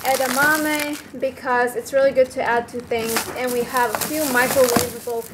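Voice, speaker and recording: The delivery is flat and the pace normal, though her voice sits fairly high and the background is noisy. She's a woman in her twenties filming a casual cooking vlog in her small apartment kitchen, bubbly and enthusiastic as she tastes dishes for the handheld camera.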